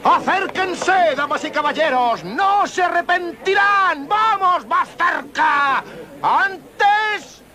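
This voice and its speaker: High, drawn-out carnival barker man. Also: expressive, pushed and bright, heavily acted. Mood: showy, calling out. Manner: calls out in long drawn-out words to gather a crowd. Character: showy male carnival barker hawking tonic. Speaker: travelling medicine show pitchman. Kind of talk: carnival barker patter, dubbed western film.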